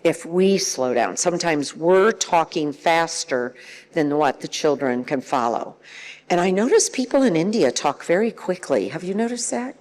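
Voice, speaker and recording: A woman's voice: low-pitched, expressive, moderate pace, darkish tone, big-room sound, rough recording. An older woman giving a chatty workshop lecture and acting out parents and children as she teaches. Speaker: workshop trainer.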